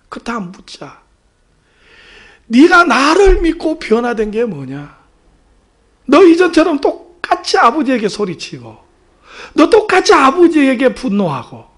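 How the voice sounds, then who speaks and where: Preacher playing a stern divine spirit who rebukes loudly; high, swooping, forceful. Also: male voice, exaggerated voice. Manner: shouting rebuke.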